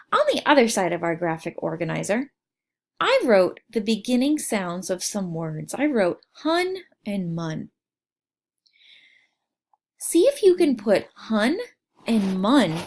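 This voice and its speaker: Slow, lively woman teacher sounding out words. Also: fairly high pitch, vocal fry. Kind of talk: phonics lesson for young learners.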